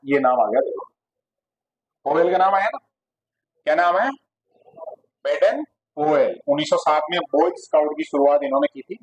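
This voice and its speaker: A male teacher gives a classroom lecture, his voice sitting a little high for a man. He asks his students questions and then answers them himself. The recording is dull and lo-fi. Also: slightly rough.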